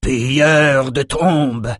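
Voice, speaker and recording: Man doing ancient grey dragon, huge, menacing, very slow drawl, roaring lines, dry close sound. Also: medium pitch, fairly even intonation, fairly bright tone, dry recording, voice pushed up. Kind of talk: audiobook character voice.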